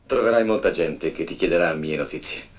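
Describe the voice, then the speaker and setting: An actor playing an imprisoned male apostle, speaking in a measured, grave, softly admonishing way in a film drama scene. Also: deep voice, animated. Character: imprisoned male apostle, calm elder teacher.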